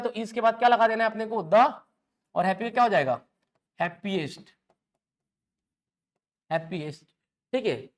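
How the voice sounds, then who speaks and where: Male tutor, teaching grammar by asking questions and repeating the answers. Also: high voice. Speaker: English teacher. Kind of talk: classroom lecture.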